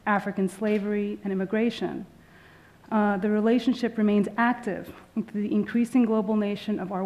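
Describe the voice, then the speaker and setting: Woman, museum curator, formal welcome speech, podium mic, auditorium, frequent uh pauses. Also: medium pitch, mellow. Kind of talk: welcoming conference remarks.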